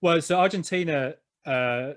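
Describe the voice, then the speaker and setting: A man's voice: a little high, a little slow, no echo, clean studio sound. A man co-hosting a podcast, explaining points in a precise way. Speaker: podcast co-host, football writer. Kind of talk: podcast conversation.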